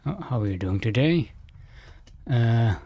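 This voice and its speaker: A man's voice: mid-range voice, lively intonation, unhurried, mellow. Breathless, chuckling male streamer. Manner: laughing, rambling, self-interrupting. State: a little out of breath. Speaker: streamer host. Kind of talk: casual live-stream chat.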